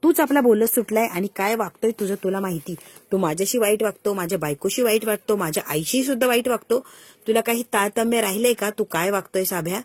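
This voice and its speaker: A woman plays a hot-headed young husband in a spoken retelling of a TV episode. He pleads, then scolds, and repeats his words. The voice is husky and dry. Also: mid-range voice, fairly quick, darkish tone, dry recording, lightly acted. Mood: angry.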